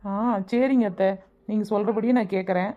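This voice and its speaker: A woman's voice: medium pitch, a little fast, mellow, highs cut off, lightly acted. A woman playing a young, sly and emotional daughter-in-law who has just learned she is pregnant, talking in a plaintive, whiny way in a homemade family comedy skit. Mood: meek. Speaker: skit actor.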